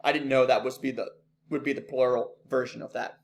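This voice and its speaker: A man teaching an online class, talking casually with many ums and quick apologies for slips. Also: medium pitch, steady tone, vocal fry, slight background noise.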